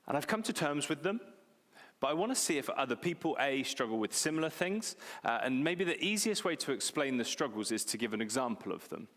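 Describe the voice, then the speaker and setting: A pastor in his 40s preaches a sermon with a medium-pitched, fairly bright voice, talking conversationally and poking fun at himself while repeating key phrases for emphasis. He's in a church hall, and the recording carries its long reverb.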